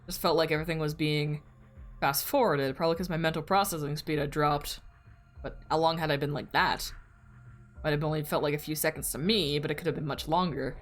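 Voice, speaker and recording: A woman's voice: sits low, steady tone, fairly quick, faint music behind, lightly acted. A woman reading aloud the inner monologue of a puzzled young male game hero, in her own voice. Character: puzzled young man, the first-person hero.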